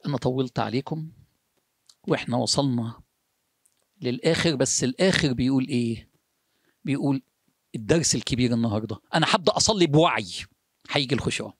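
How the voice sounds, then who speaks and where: A man with an Egyptian accent giving a motivational sermon, firing rhetorical questions at the listener and dropping to hushed, slow phrases for emphasis. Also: a little high, no echo, studio quality. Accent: Egyptian Arabic. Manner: asks the listener rhetorical questions in quick succession; shifts between urgent speech and hushed, slowed phrases. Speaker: religious speaker.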